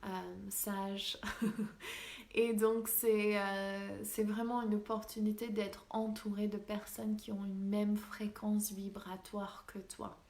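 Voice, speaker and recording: A woman with a Québécois accent, a spiritual healer hosting a live stream in soft, gently enthusiastic casual chat. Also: mid-range voice, little pitch movement. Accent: Québécois French. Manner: soft, unhurried, gently enthusiastic with frequent laughs.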